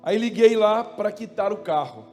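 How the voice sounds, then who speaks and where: A man's voice: high voice, sing-song, normal speed, darkish tone. A man with a Brazilian accent, a pastor preaching a sermon in a chatty, storytelling way with humor. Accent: Brazilian Portuguese. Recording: long hall reverb with faint music.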